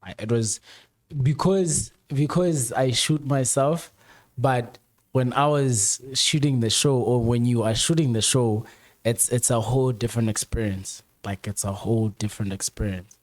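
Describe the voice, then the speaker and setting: A man's voice: mid-range voice, measured pace, darkish tone. A man, a guest on a casual chat show, talking emphatically in slang and often repeating or restarting his phrases. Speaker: guest, camera operator.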